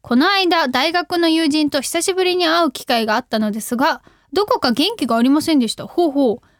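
A young woman hosting a radio show, reading listener letters in casual chat, bubbly and giggly, sometimes shouting catchphrases. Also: high voice, animated, brisk, dry recording, studio quality.

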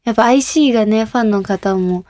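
A young woman co-hosting a radio show in casual, animated chat, laughing often. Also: on the high side, quick pace, no echo. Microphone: studio mic.

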